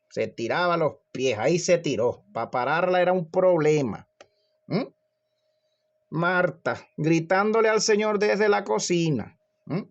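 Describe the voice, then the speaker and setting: A man's voice: fairly high pitch, dull audio. A man preaching a fervent, repetitive sermon, often tossing in questioning hums to his congregation. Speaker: pastor.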